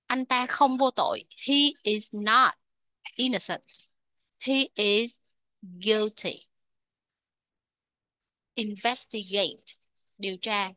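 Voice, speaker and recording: A woman with a Vietnamese accent teaching English vocabulary, repeating each word slowly before explaining it. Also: medium pitch, sharp tone, dry recording. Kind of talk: vocabulary lesson.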